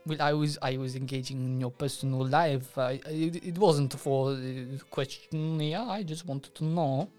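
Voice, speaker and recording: Someone playing a mock-solemn archbishop who questions candidates in a drawling, repetitive way. The voice sits at an ordinary middle pitch. Faint music plays in the background. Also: steady tone, moderate pace, few pauses, darkish tone, natural voice. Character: archbishop interviewing papal candidates. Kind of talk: improvised comedy role-play.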